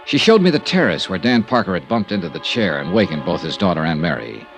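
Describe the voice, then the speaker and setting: Playing a shrewd, courteous American insurance investigator, a male actor narrates a 1950s radio detective drama in the first person, wry in mood, on a vintage recording with music. His low voice is sing-song and quick, heavily acted, with a smooth, probing, clipped hard-boiled delivery.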